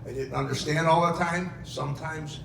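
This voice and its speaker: A middle-aged man with a slightly high, somewhat bright, gravelly voice gives a heartfelt father-of-the-bride speech at a wedding reception, sharing family anecdotes with dramatized quotes. He speaks at a moderate pace with fairly even intonation. The recording is echoey and distant, in a noisy event room.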